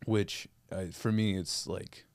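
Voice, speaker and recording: A man's voice: low voice, fairly even intonation, takes it slowly, darkish tone, smooth, dry recording. A man co-hosting a podcast in casual chat, rambling with lots of fillers and laughs. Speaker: podcast co-host.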